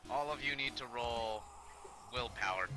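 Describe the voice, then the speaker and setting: A man narrating a tabletop game as game master, in a measured, halting way with pauses and fillers. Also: medium pitch, over music.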